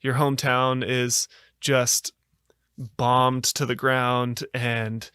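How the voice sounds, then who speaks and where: Speaking as a guest on a podcast, an American man earnestly reflects on his story, his smooth, clean mid-range voice staying level throughout. Frequent filler-laden pauses and restarts break up his thoughts. The audio is close and dry, with no echo.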